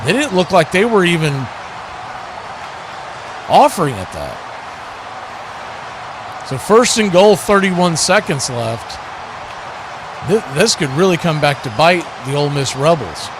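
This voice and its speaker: A man calls a football game live for a watch party stream, mixing play-by-play with casual analysis and now and then correcting himself. His slightly high voice swings widely in pitch and moves a little slowly, with long pauses, over background noise.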